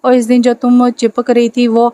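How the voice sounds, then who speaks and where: A woman's voice: fairly high pitch, completely flat delivery, normal speed, warm tone, a little hiss or hum, close to an everyday voice. A woman reading a novel aloud, voicing a rude, short-tempered young man with curt, irritable lines. She stays in her own voice.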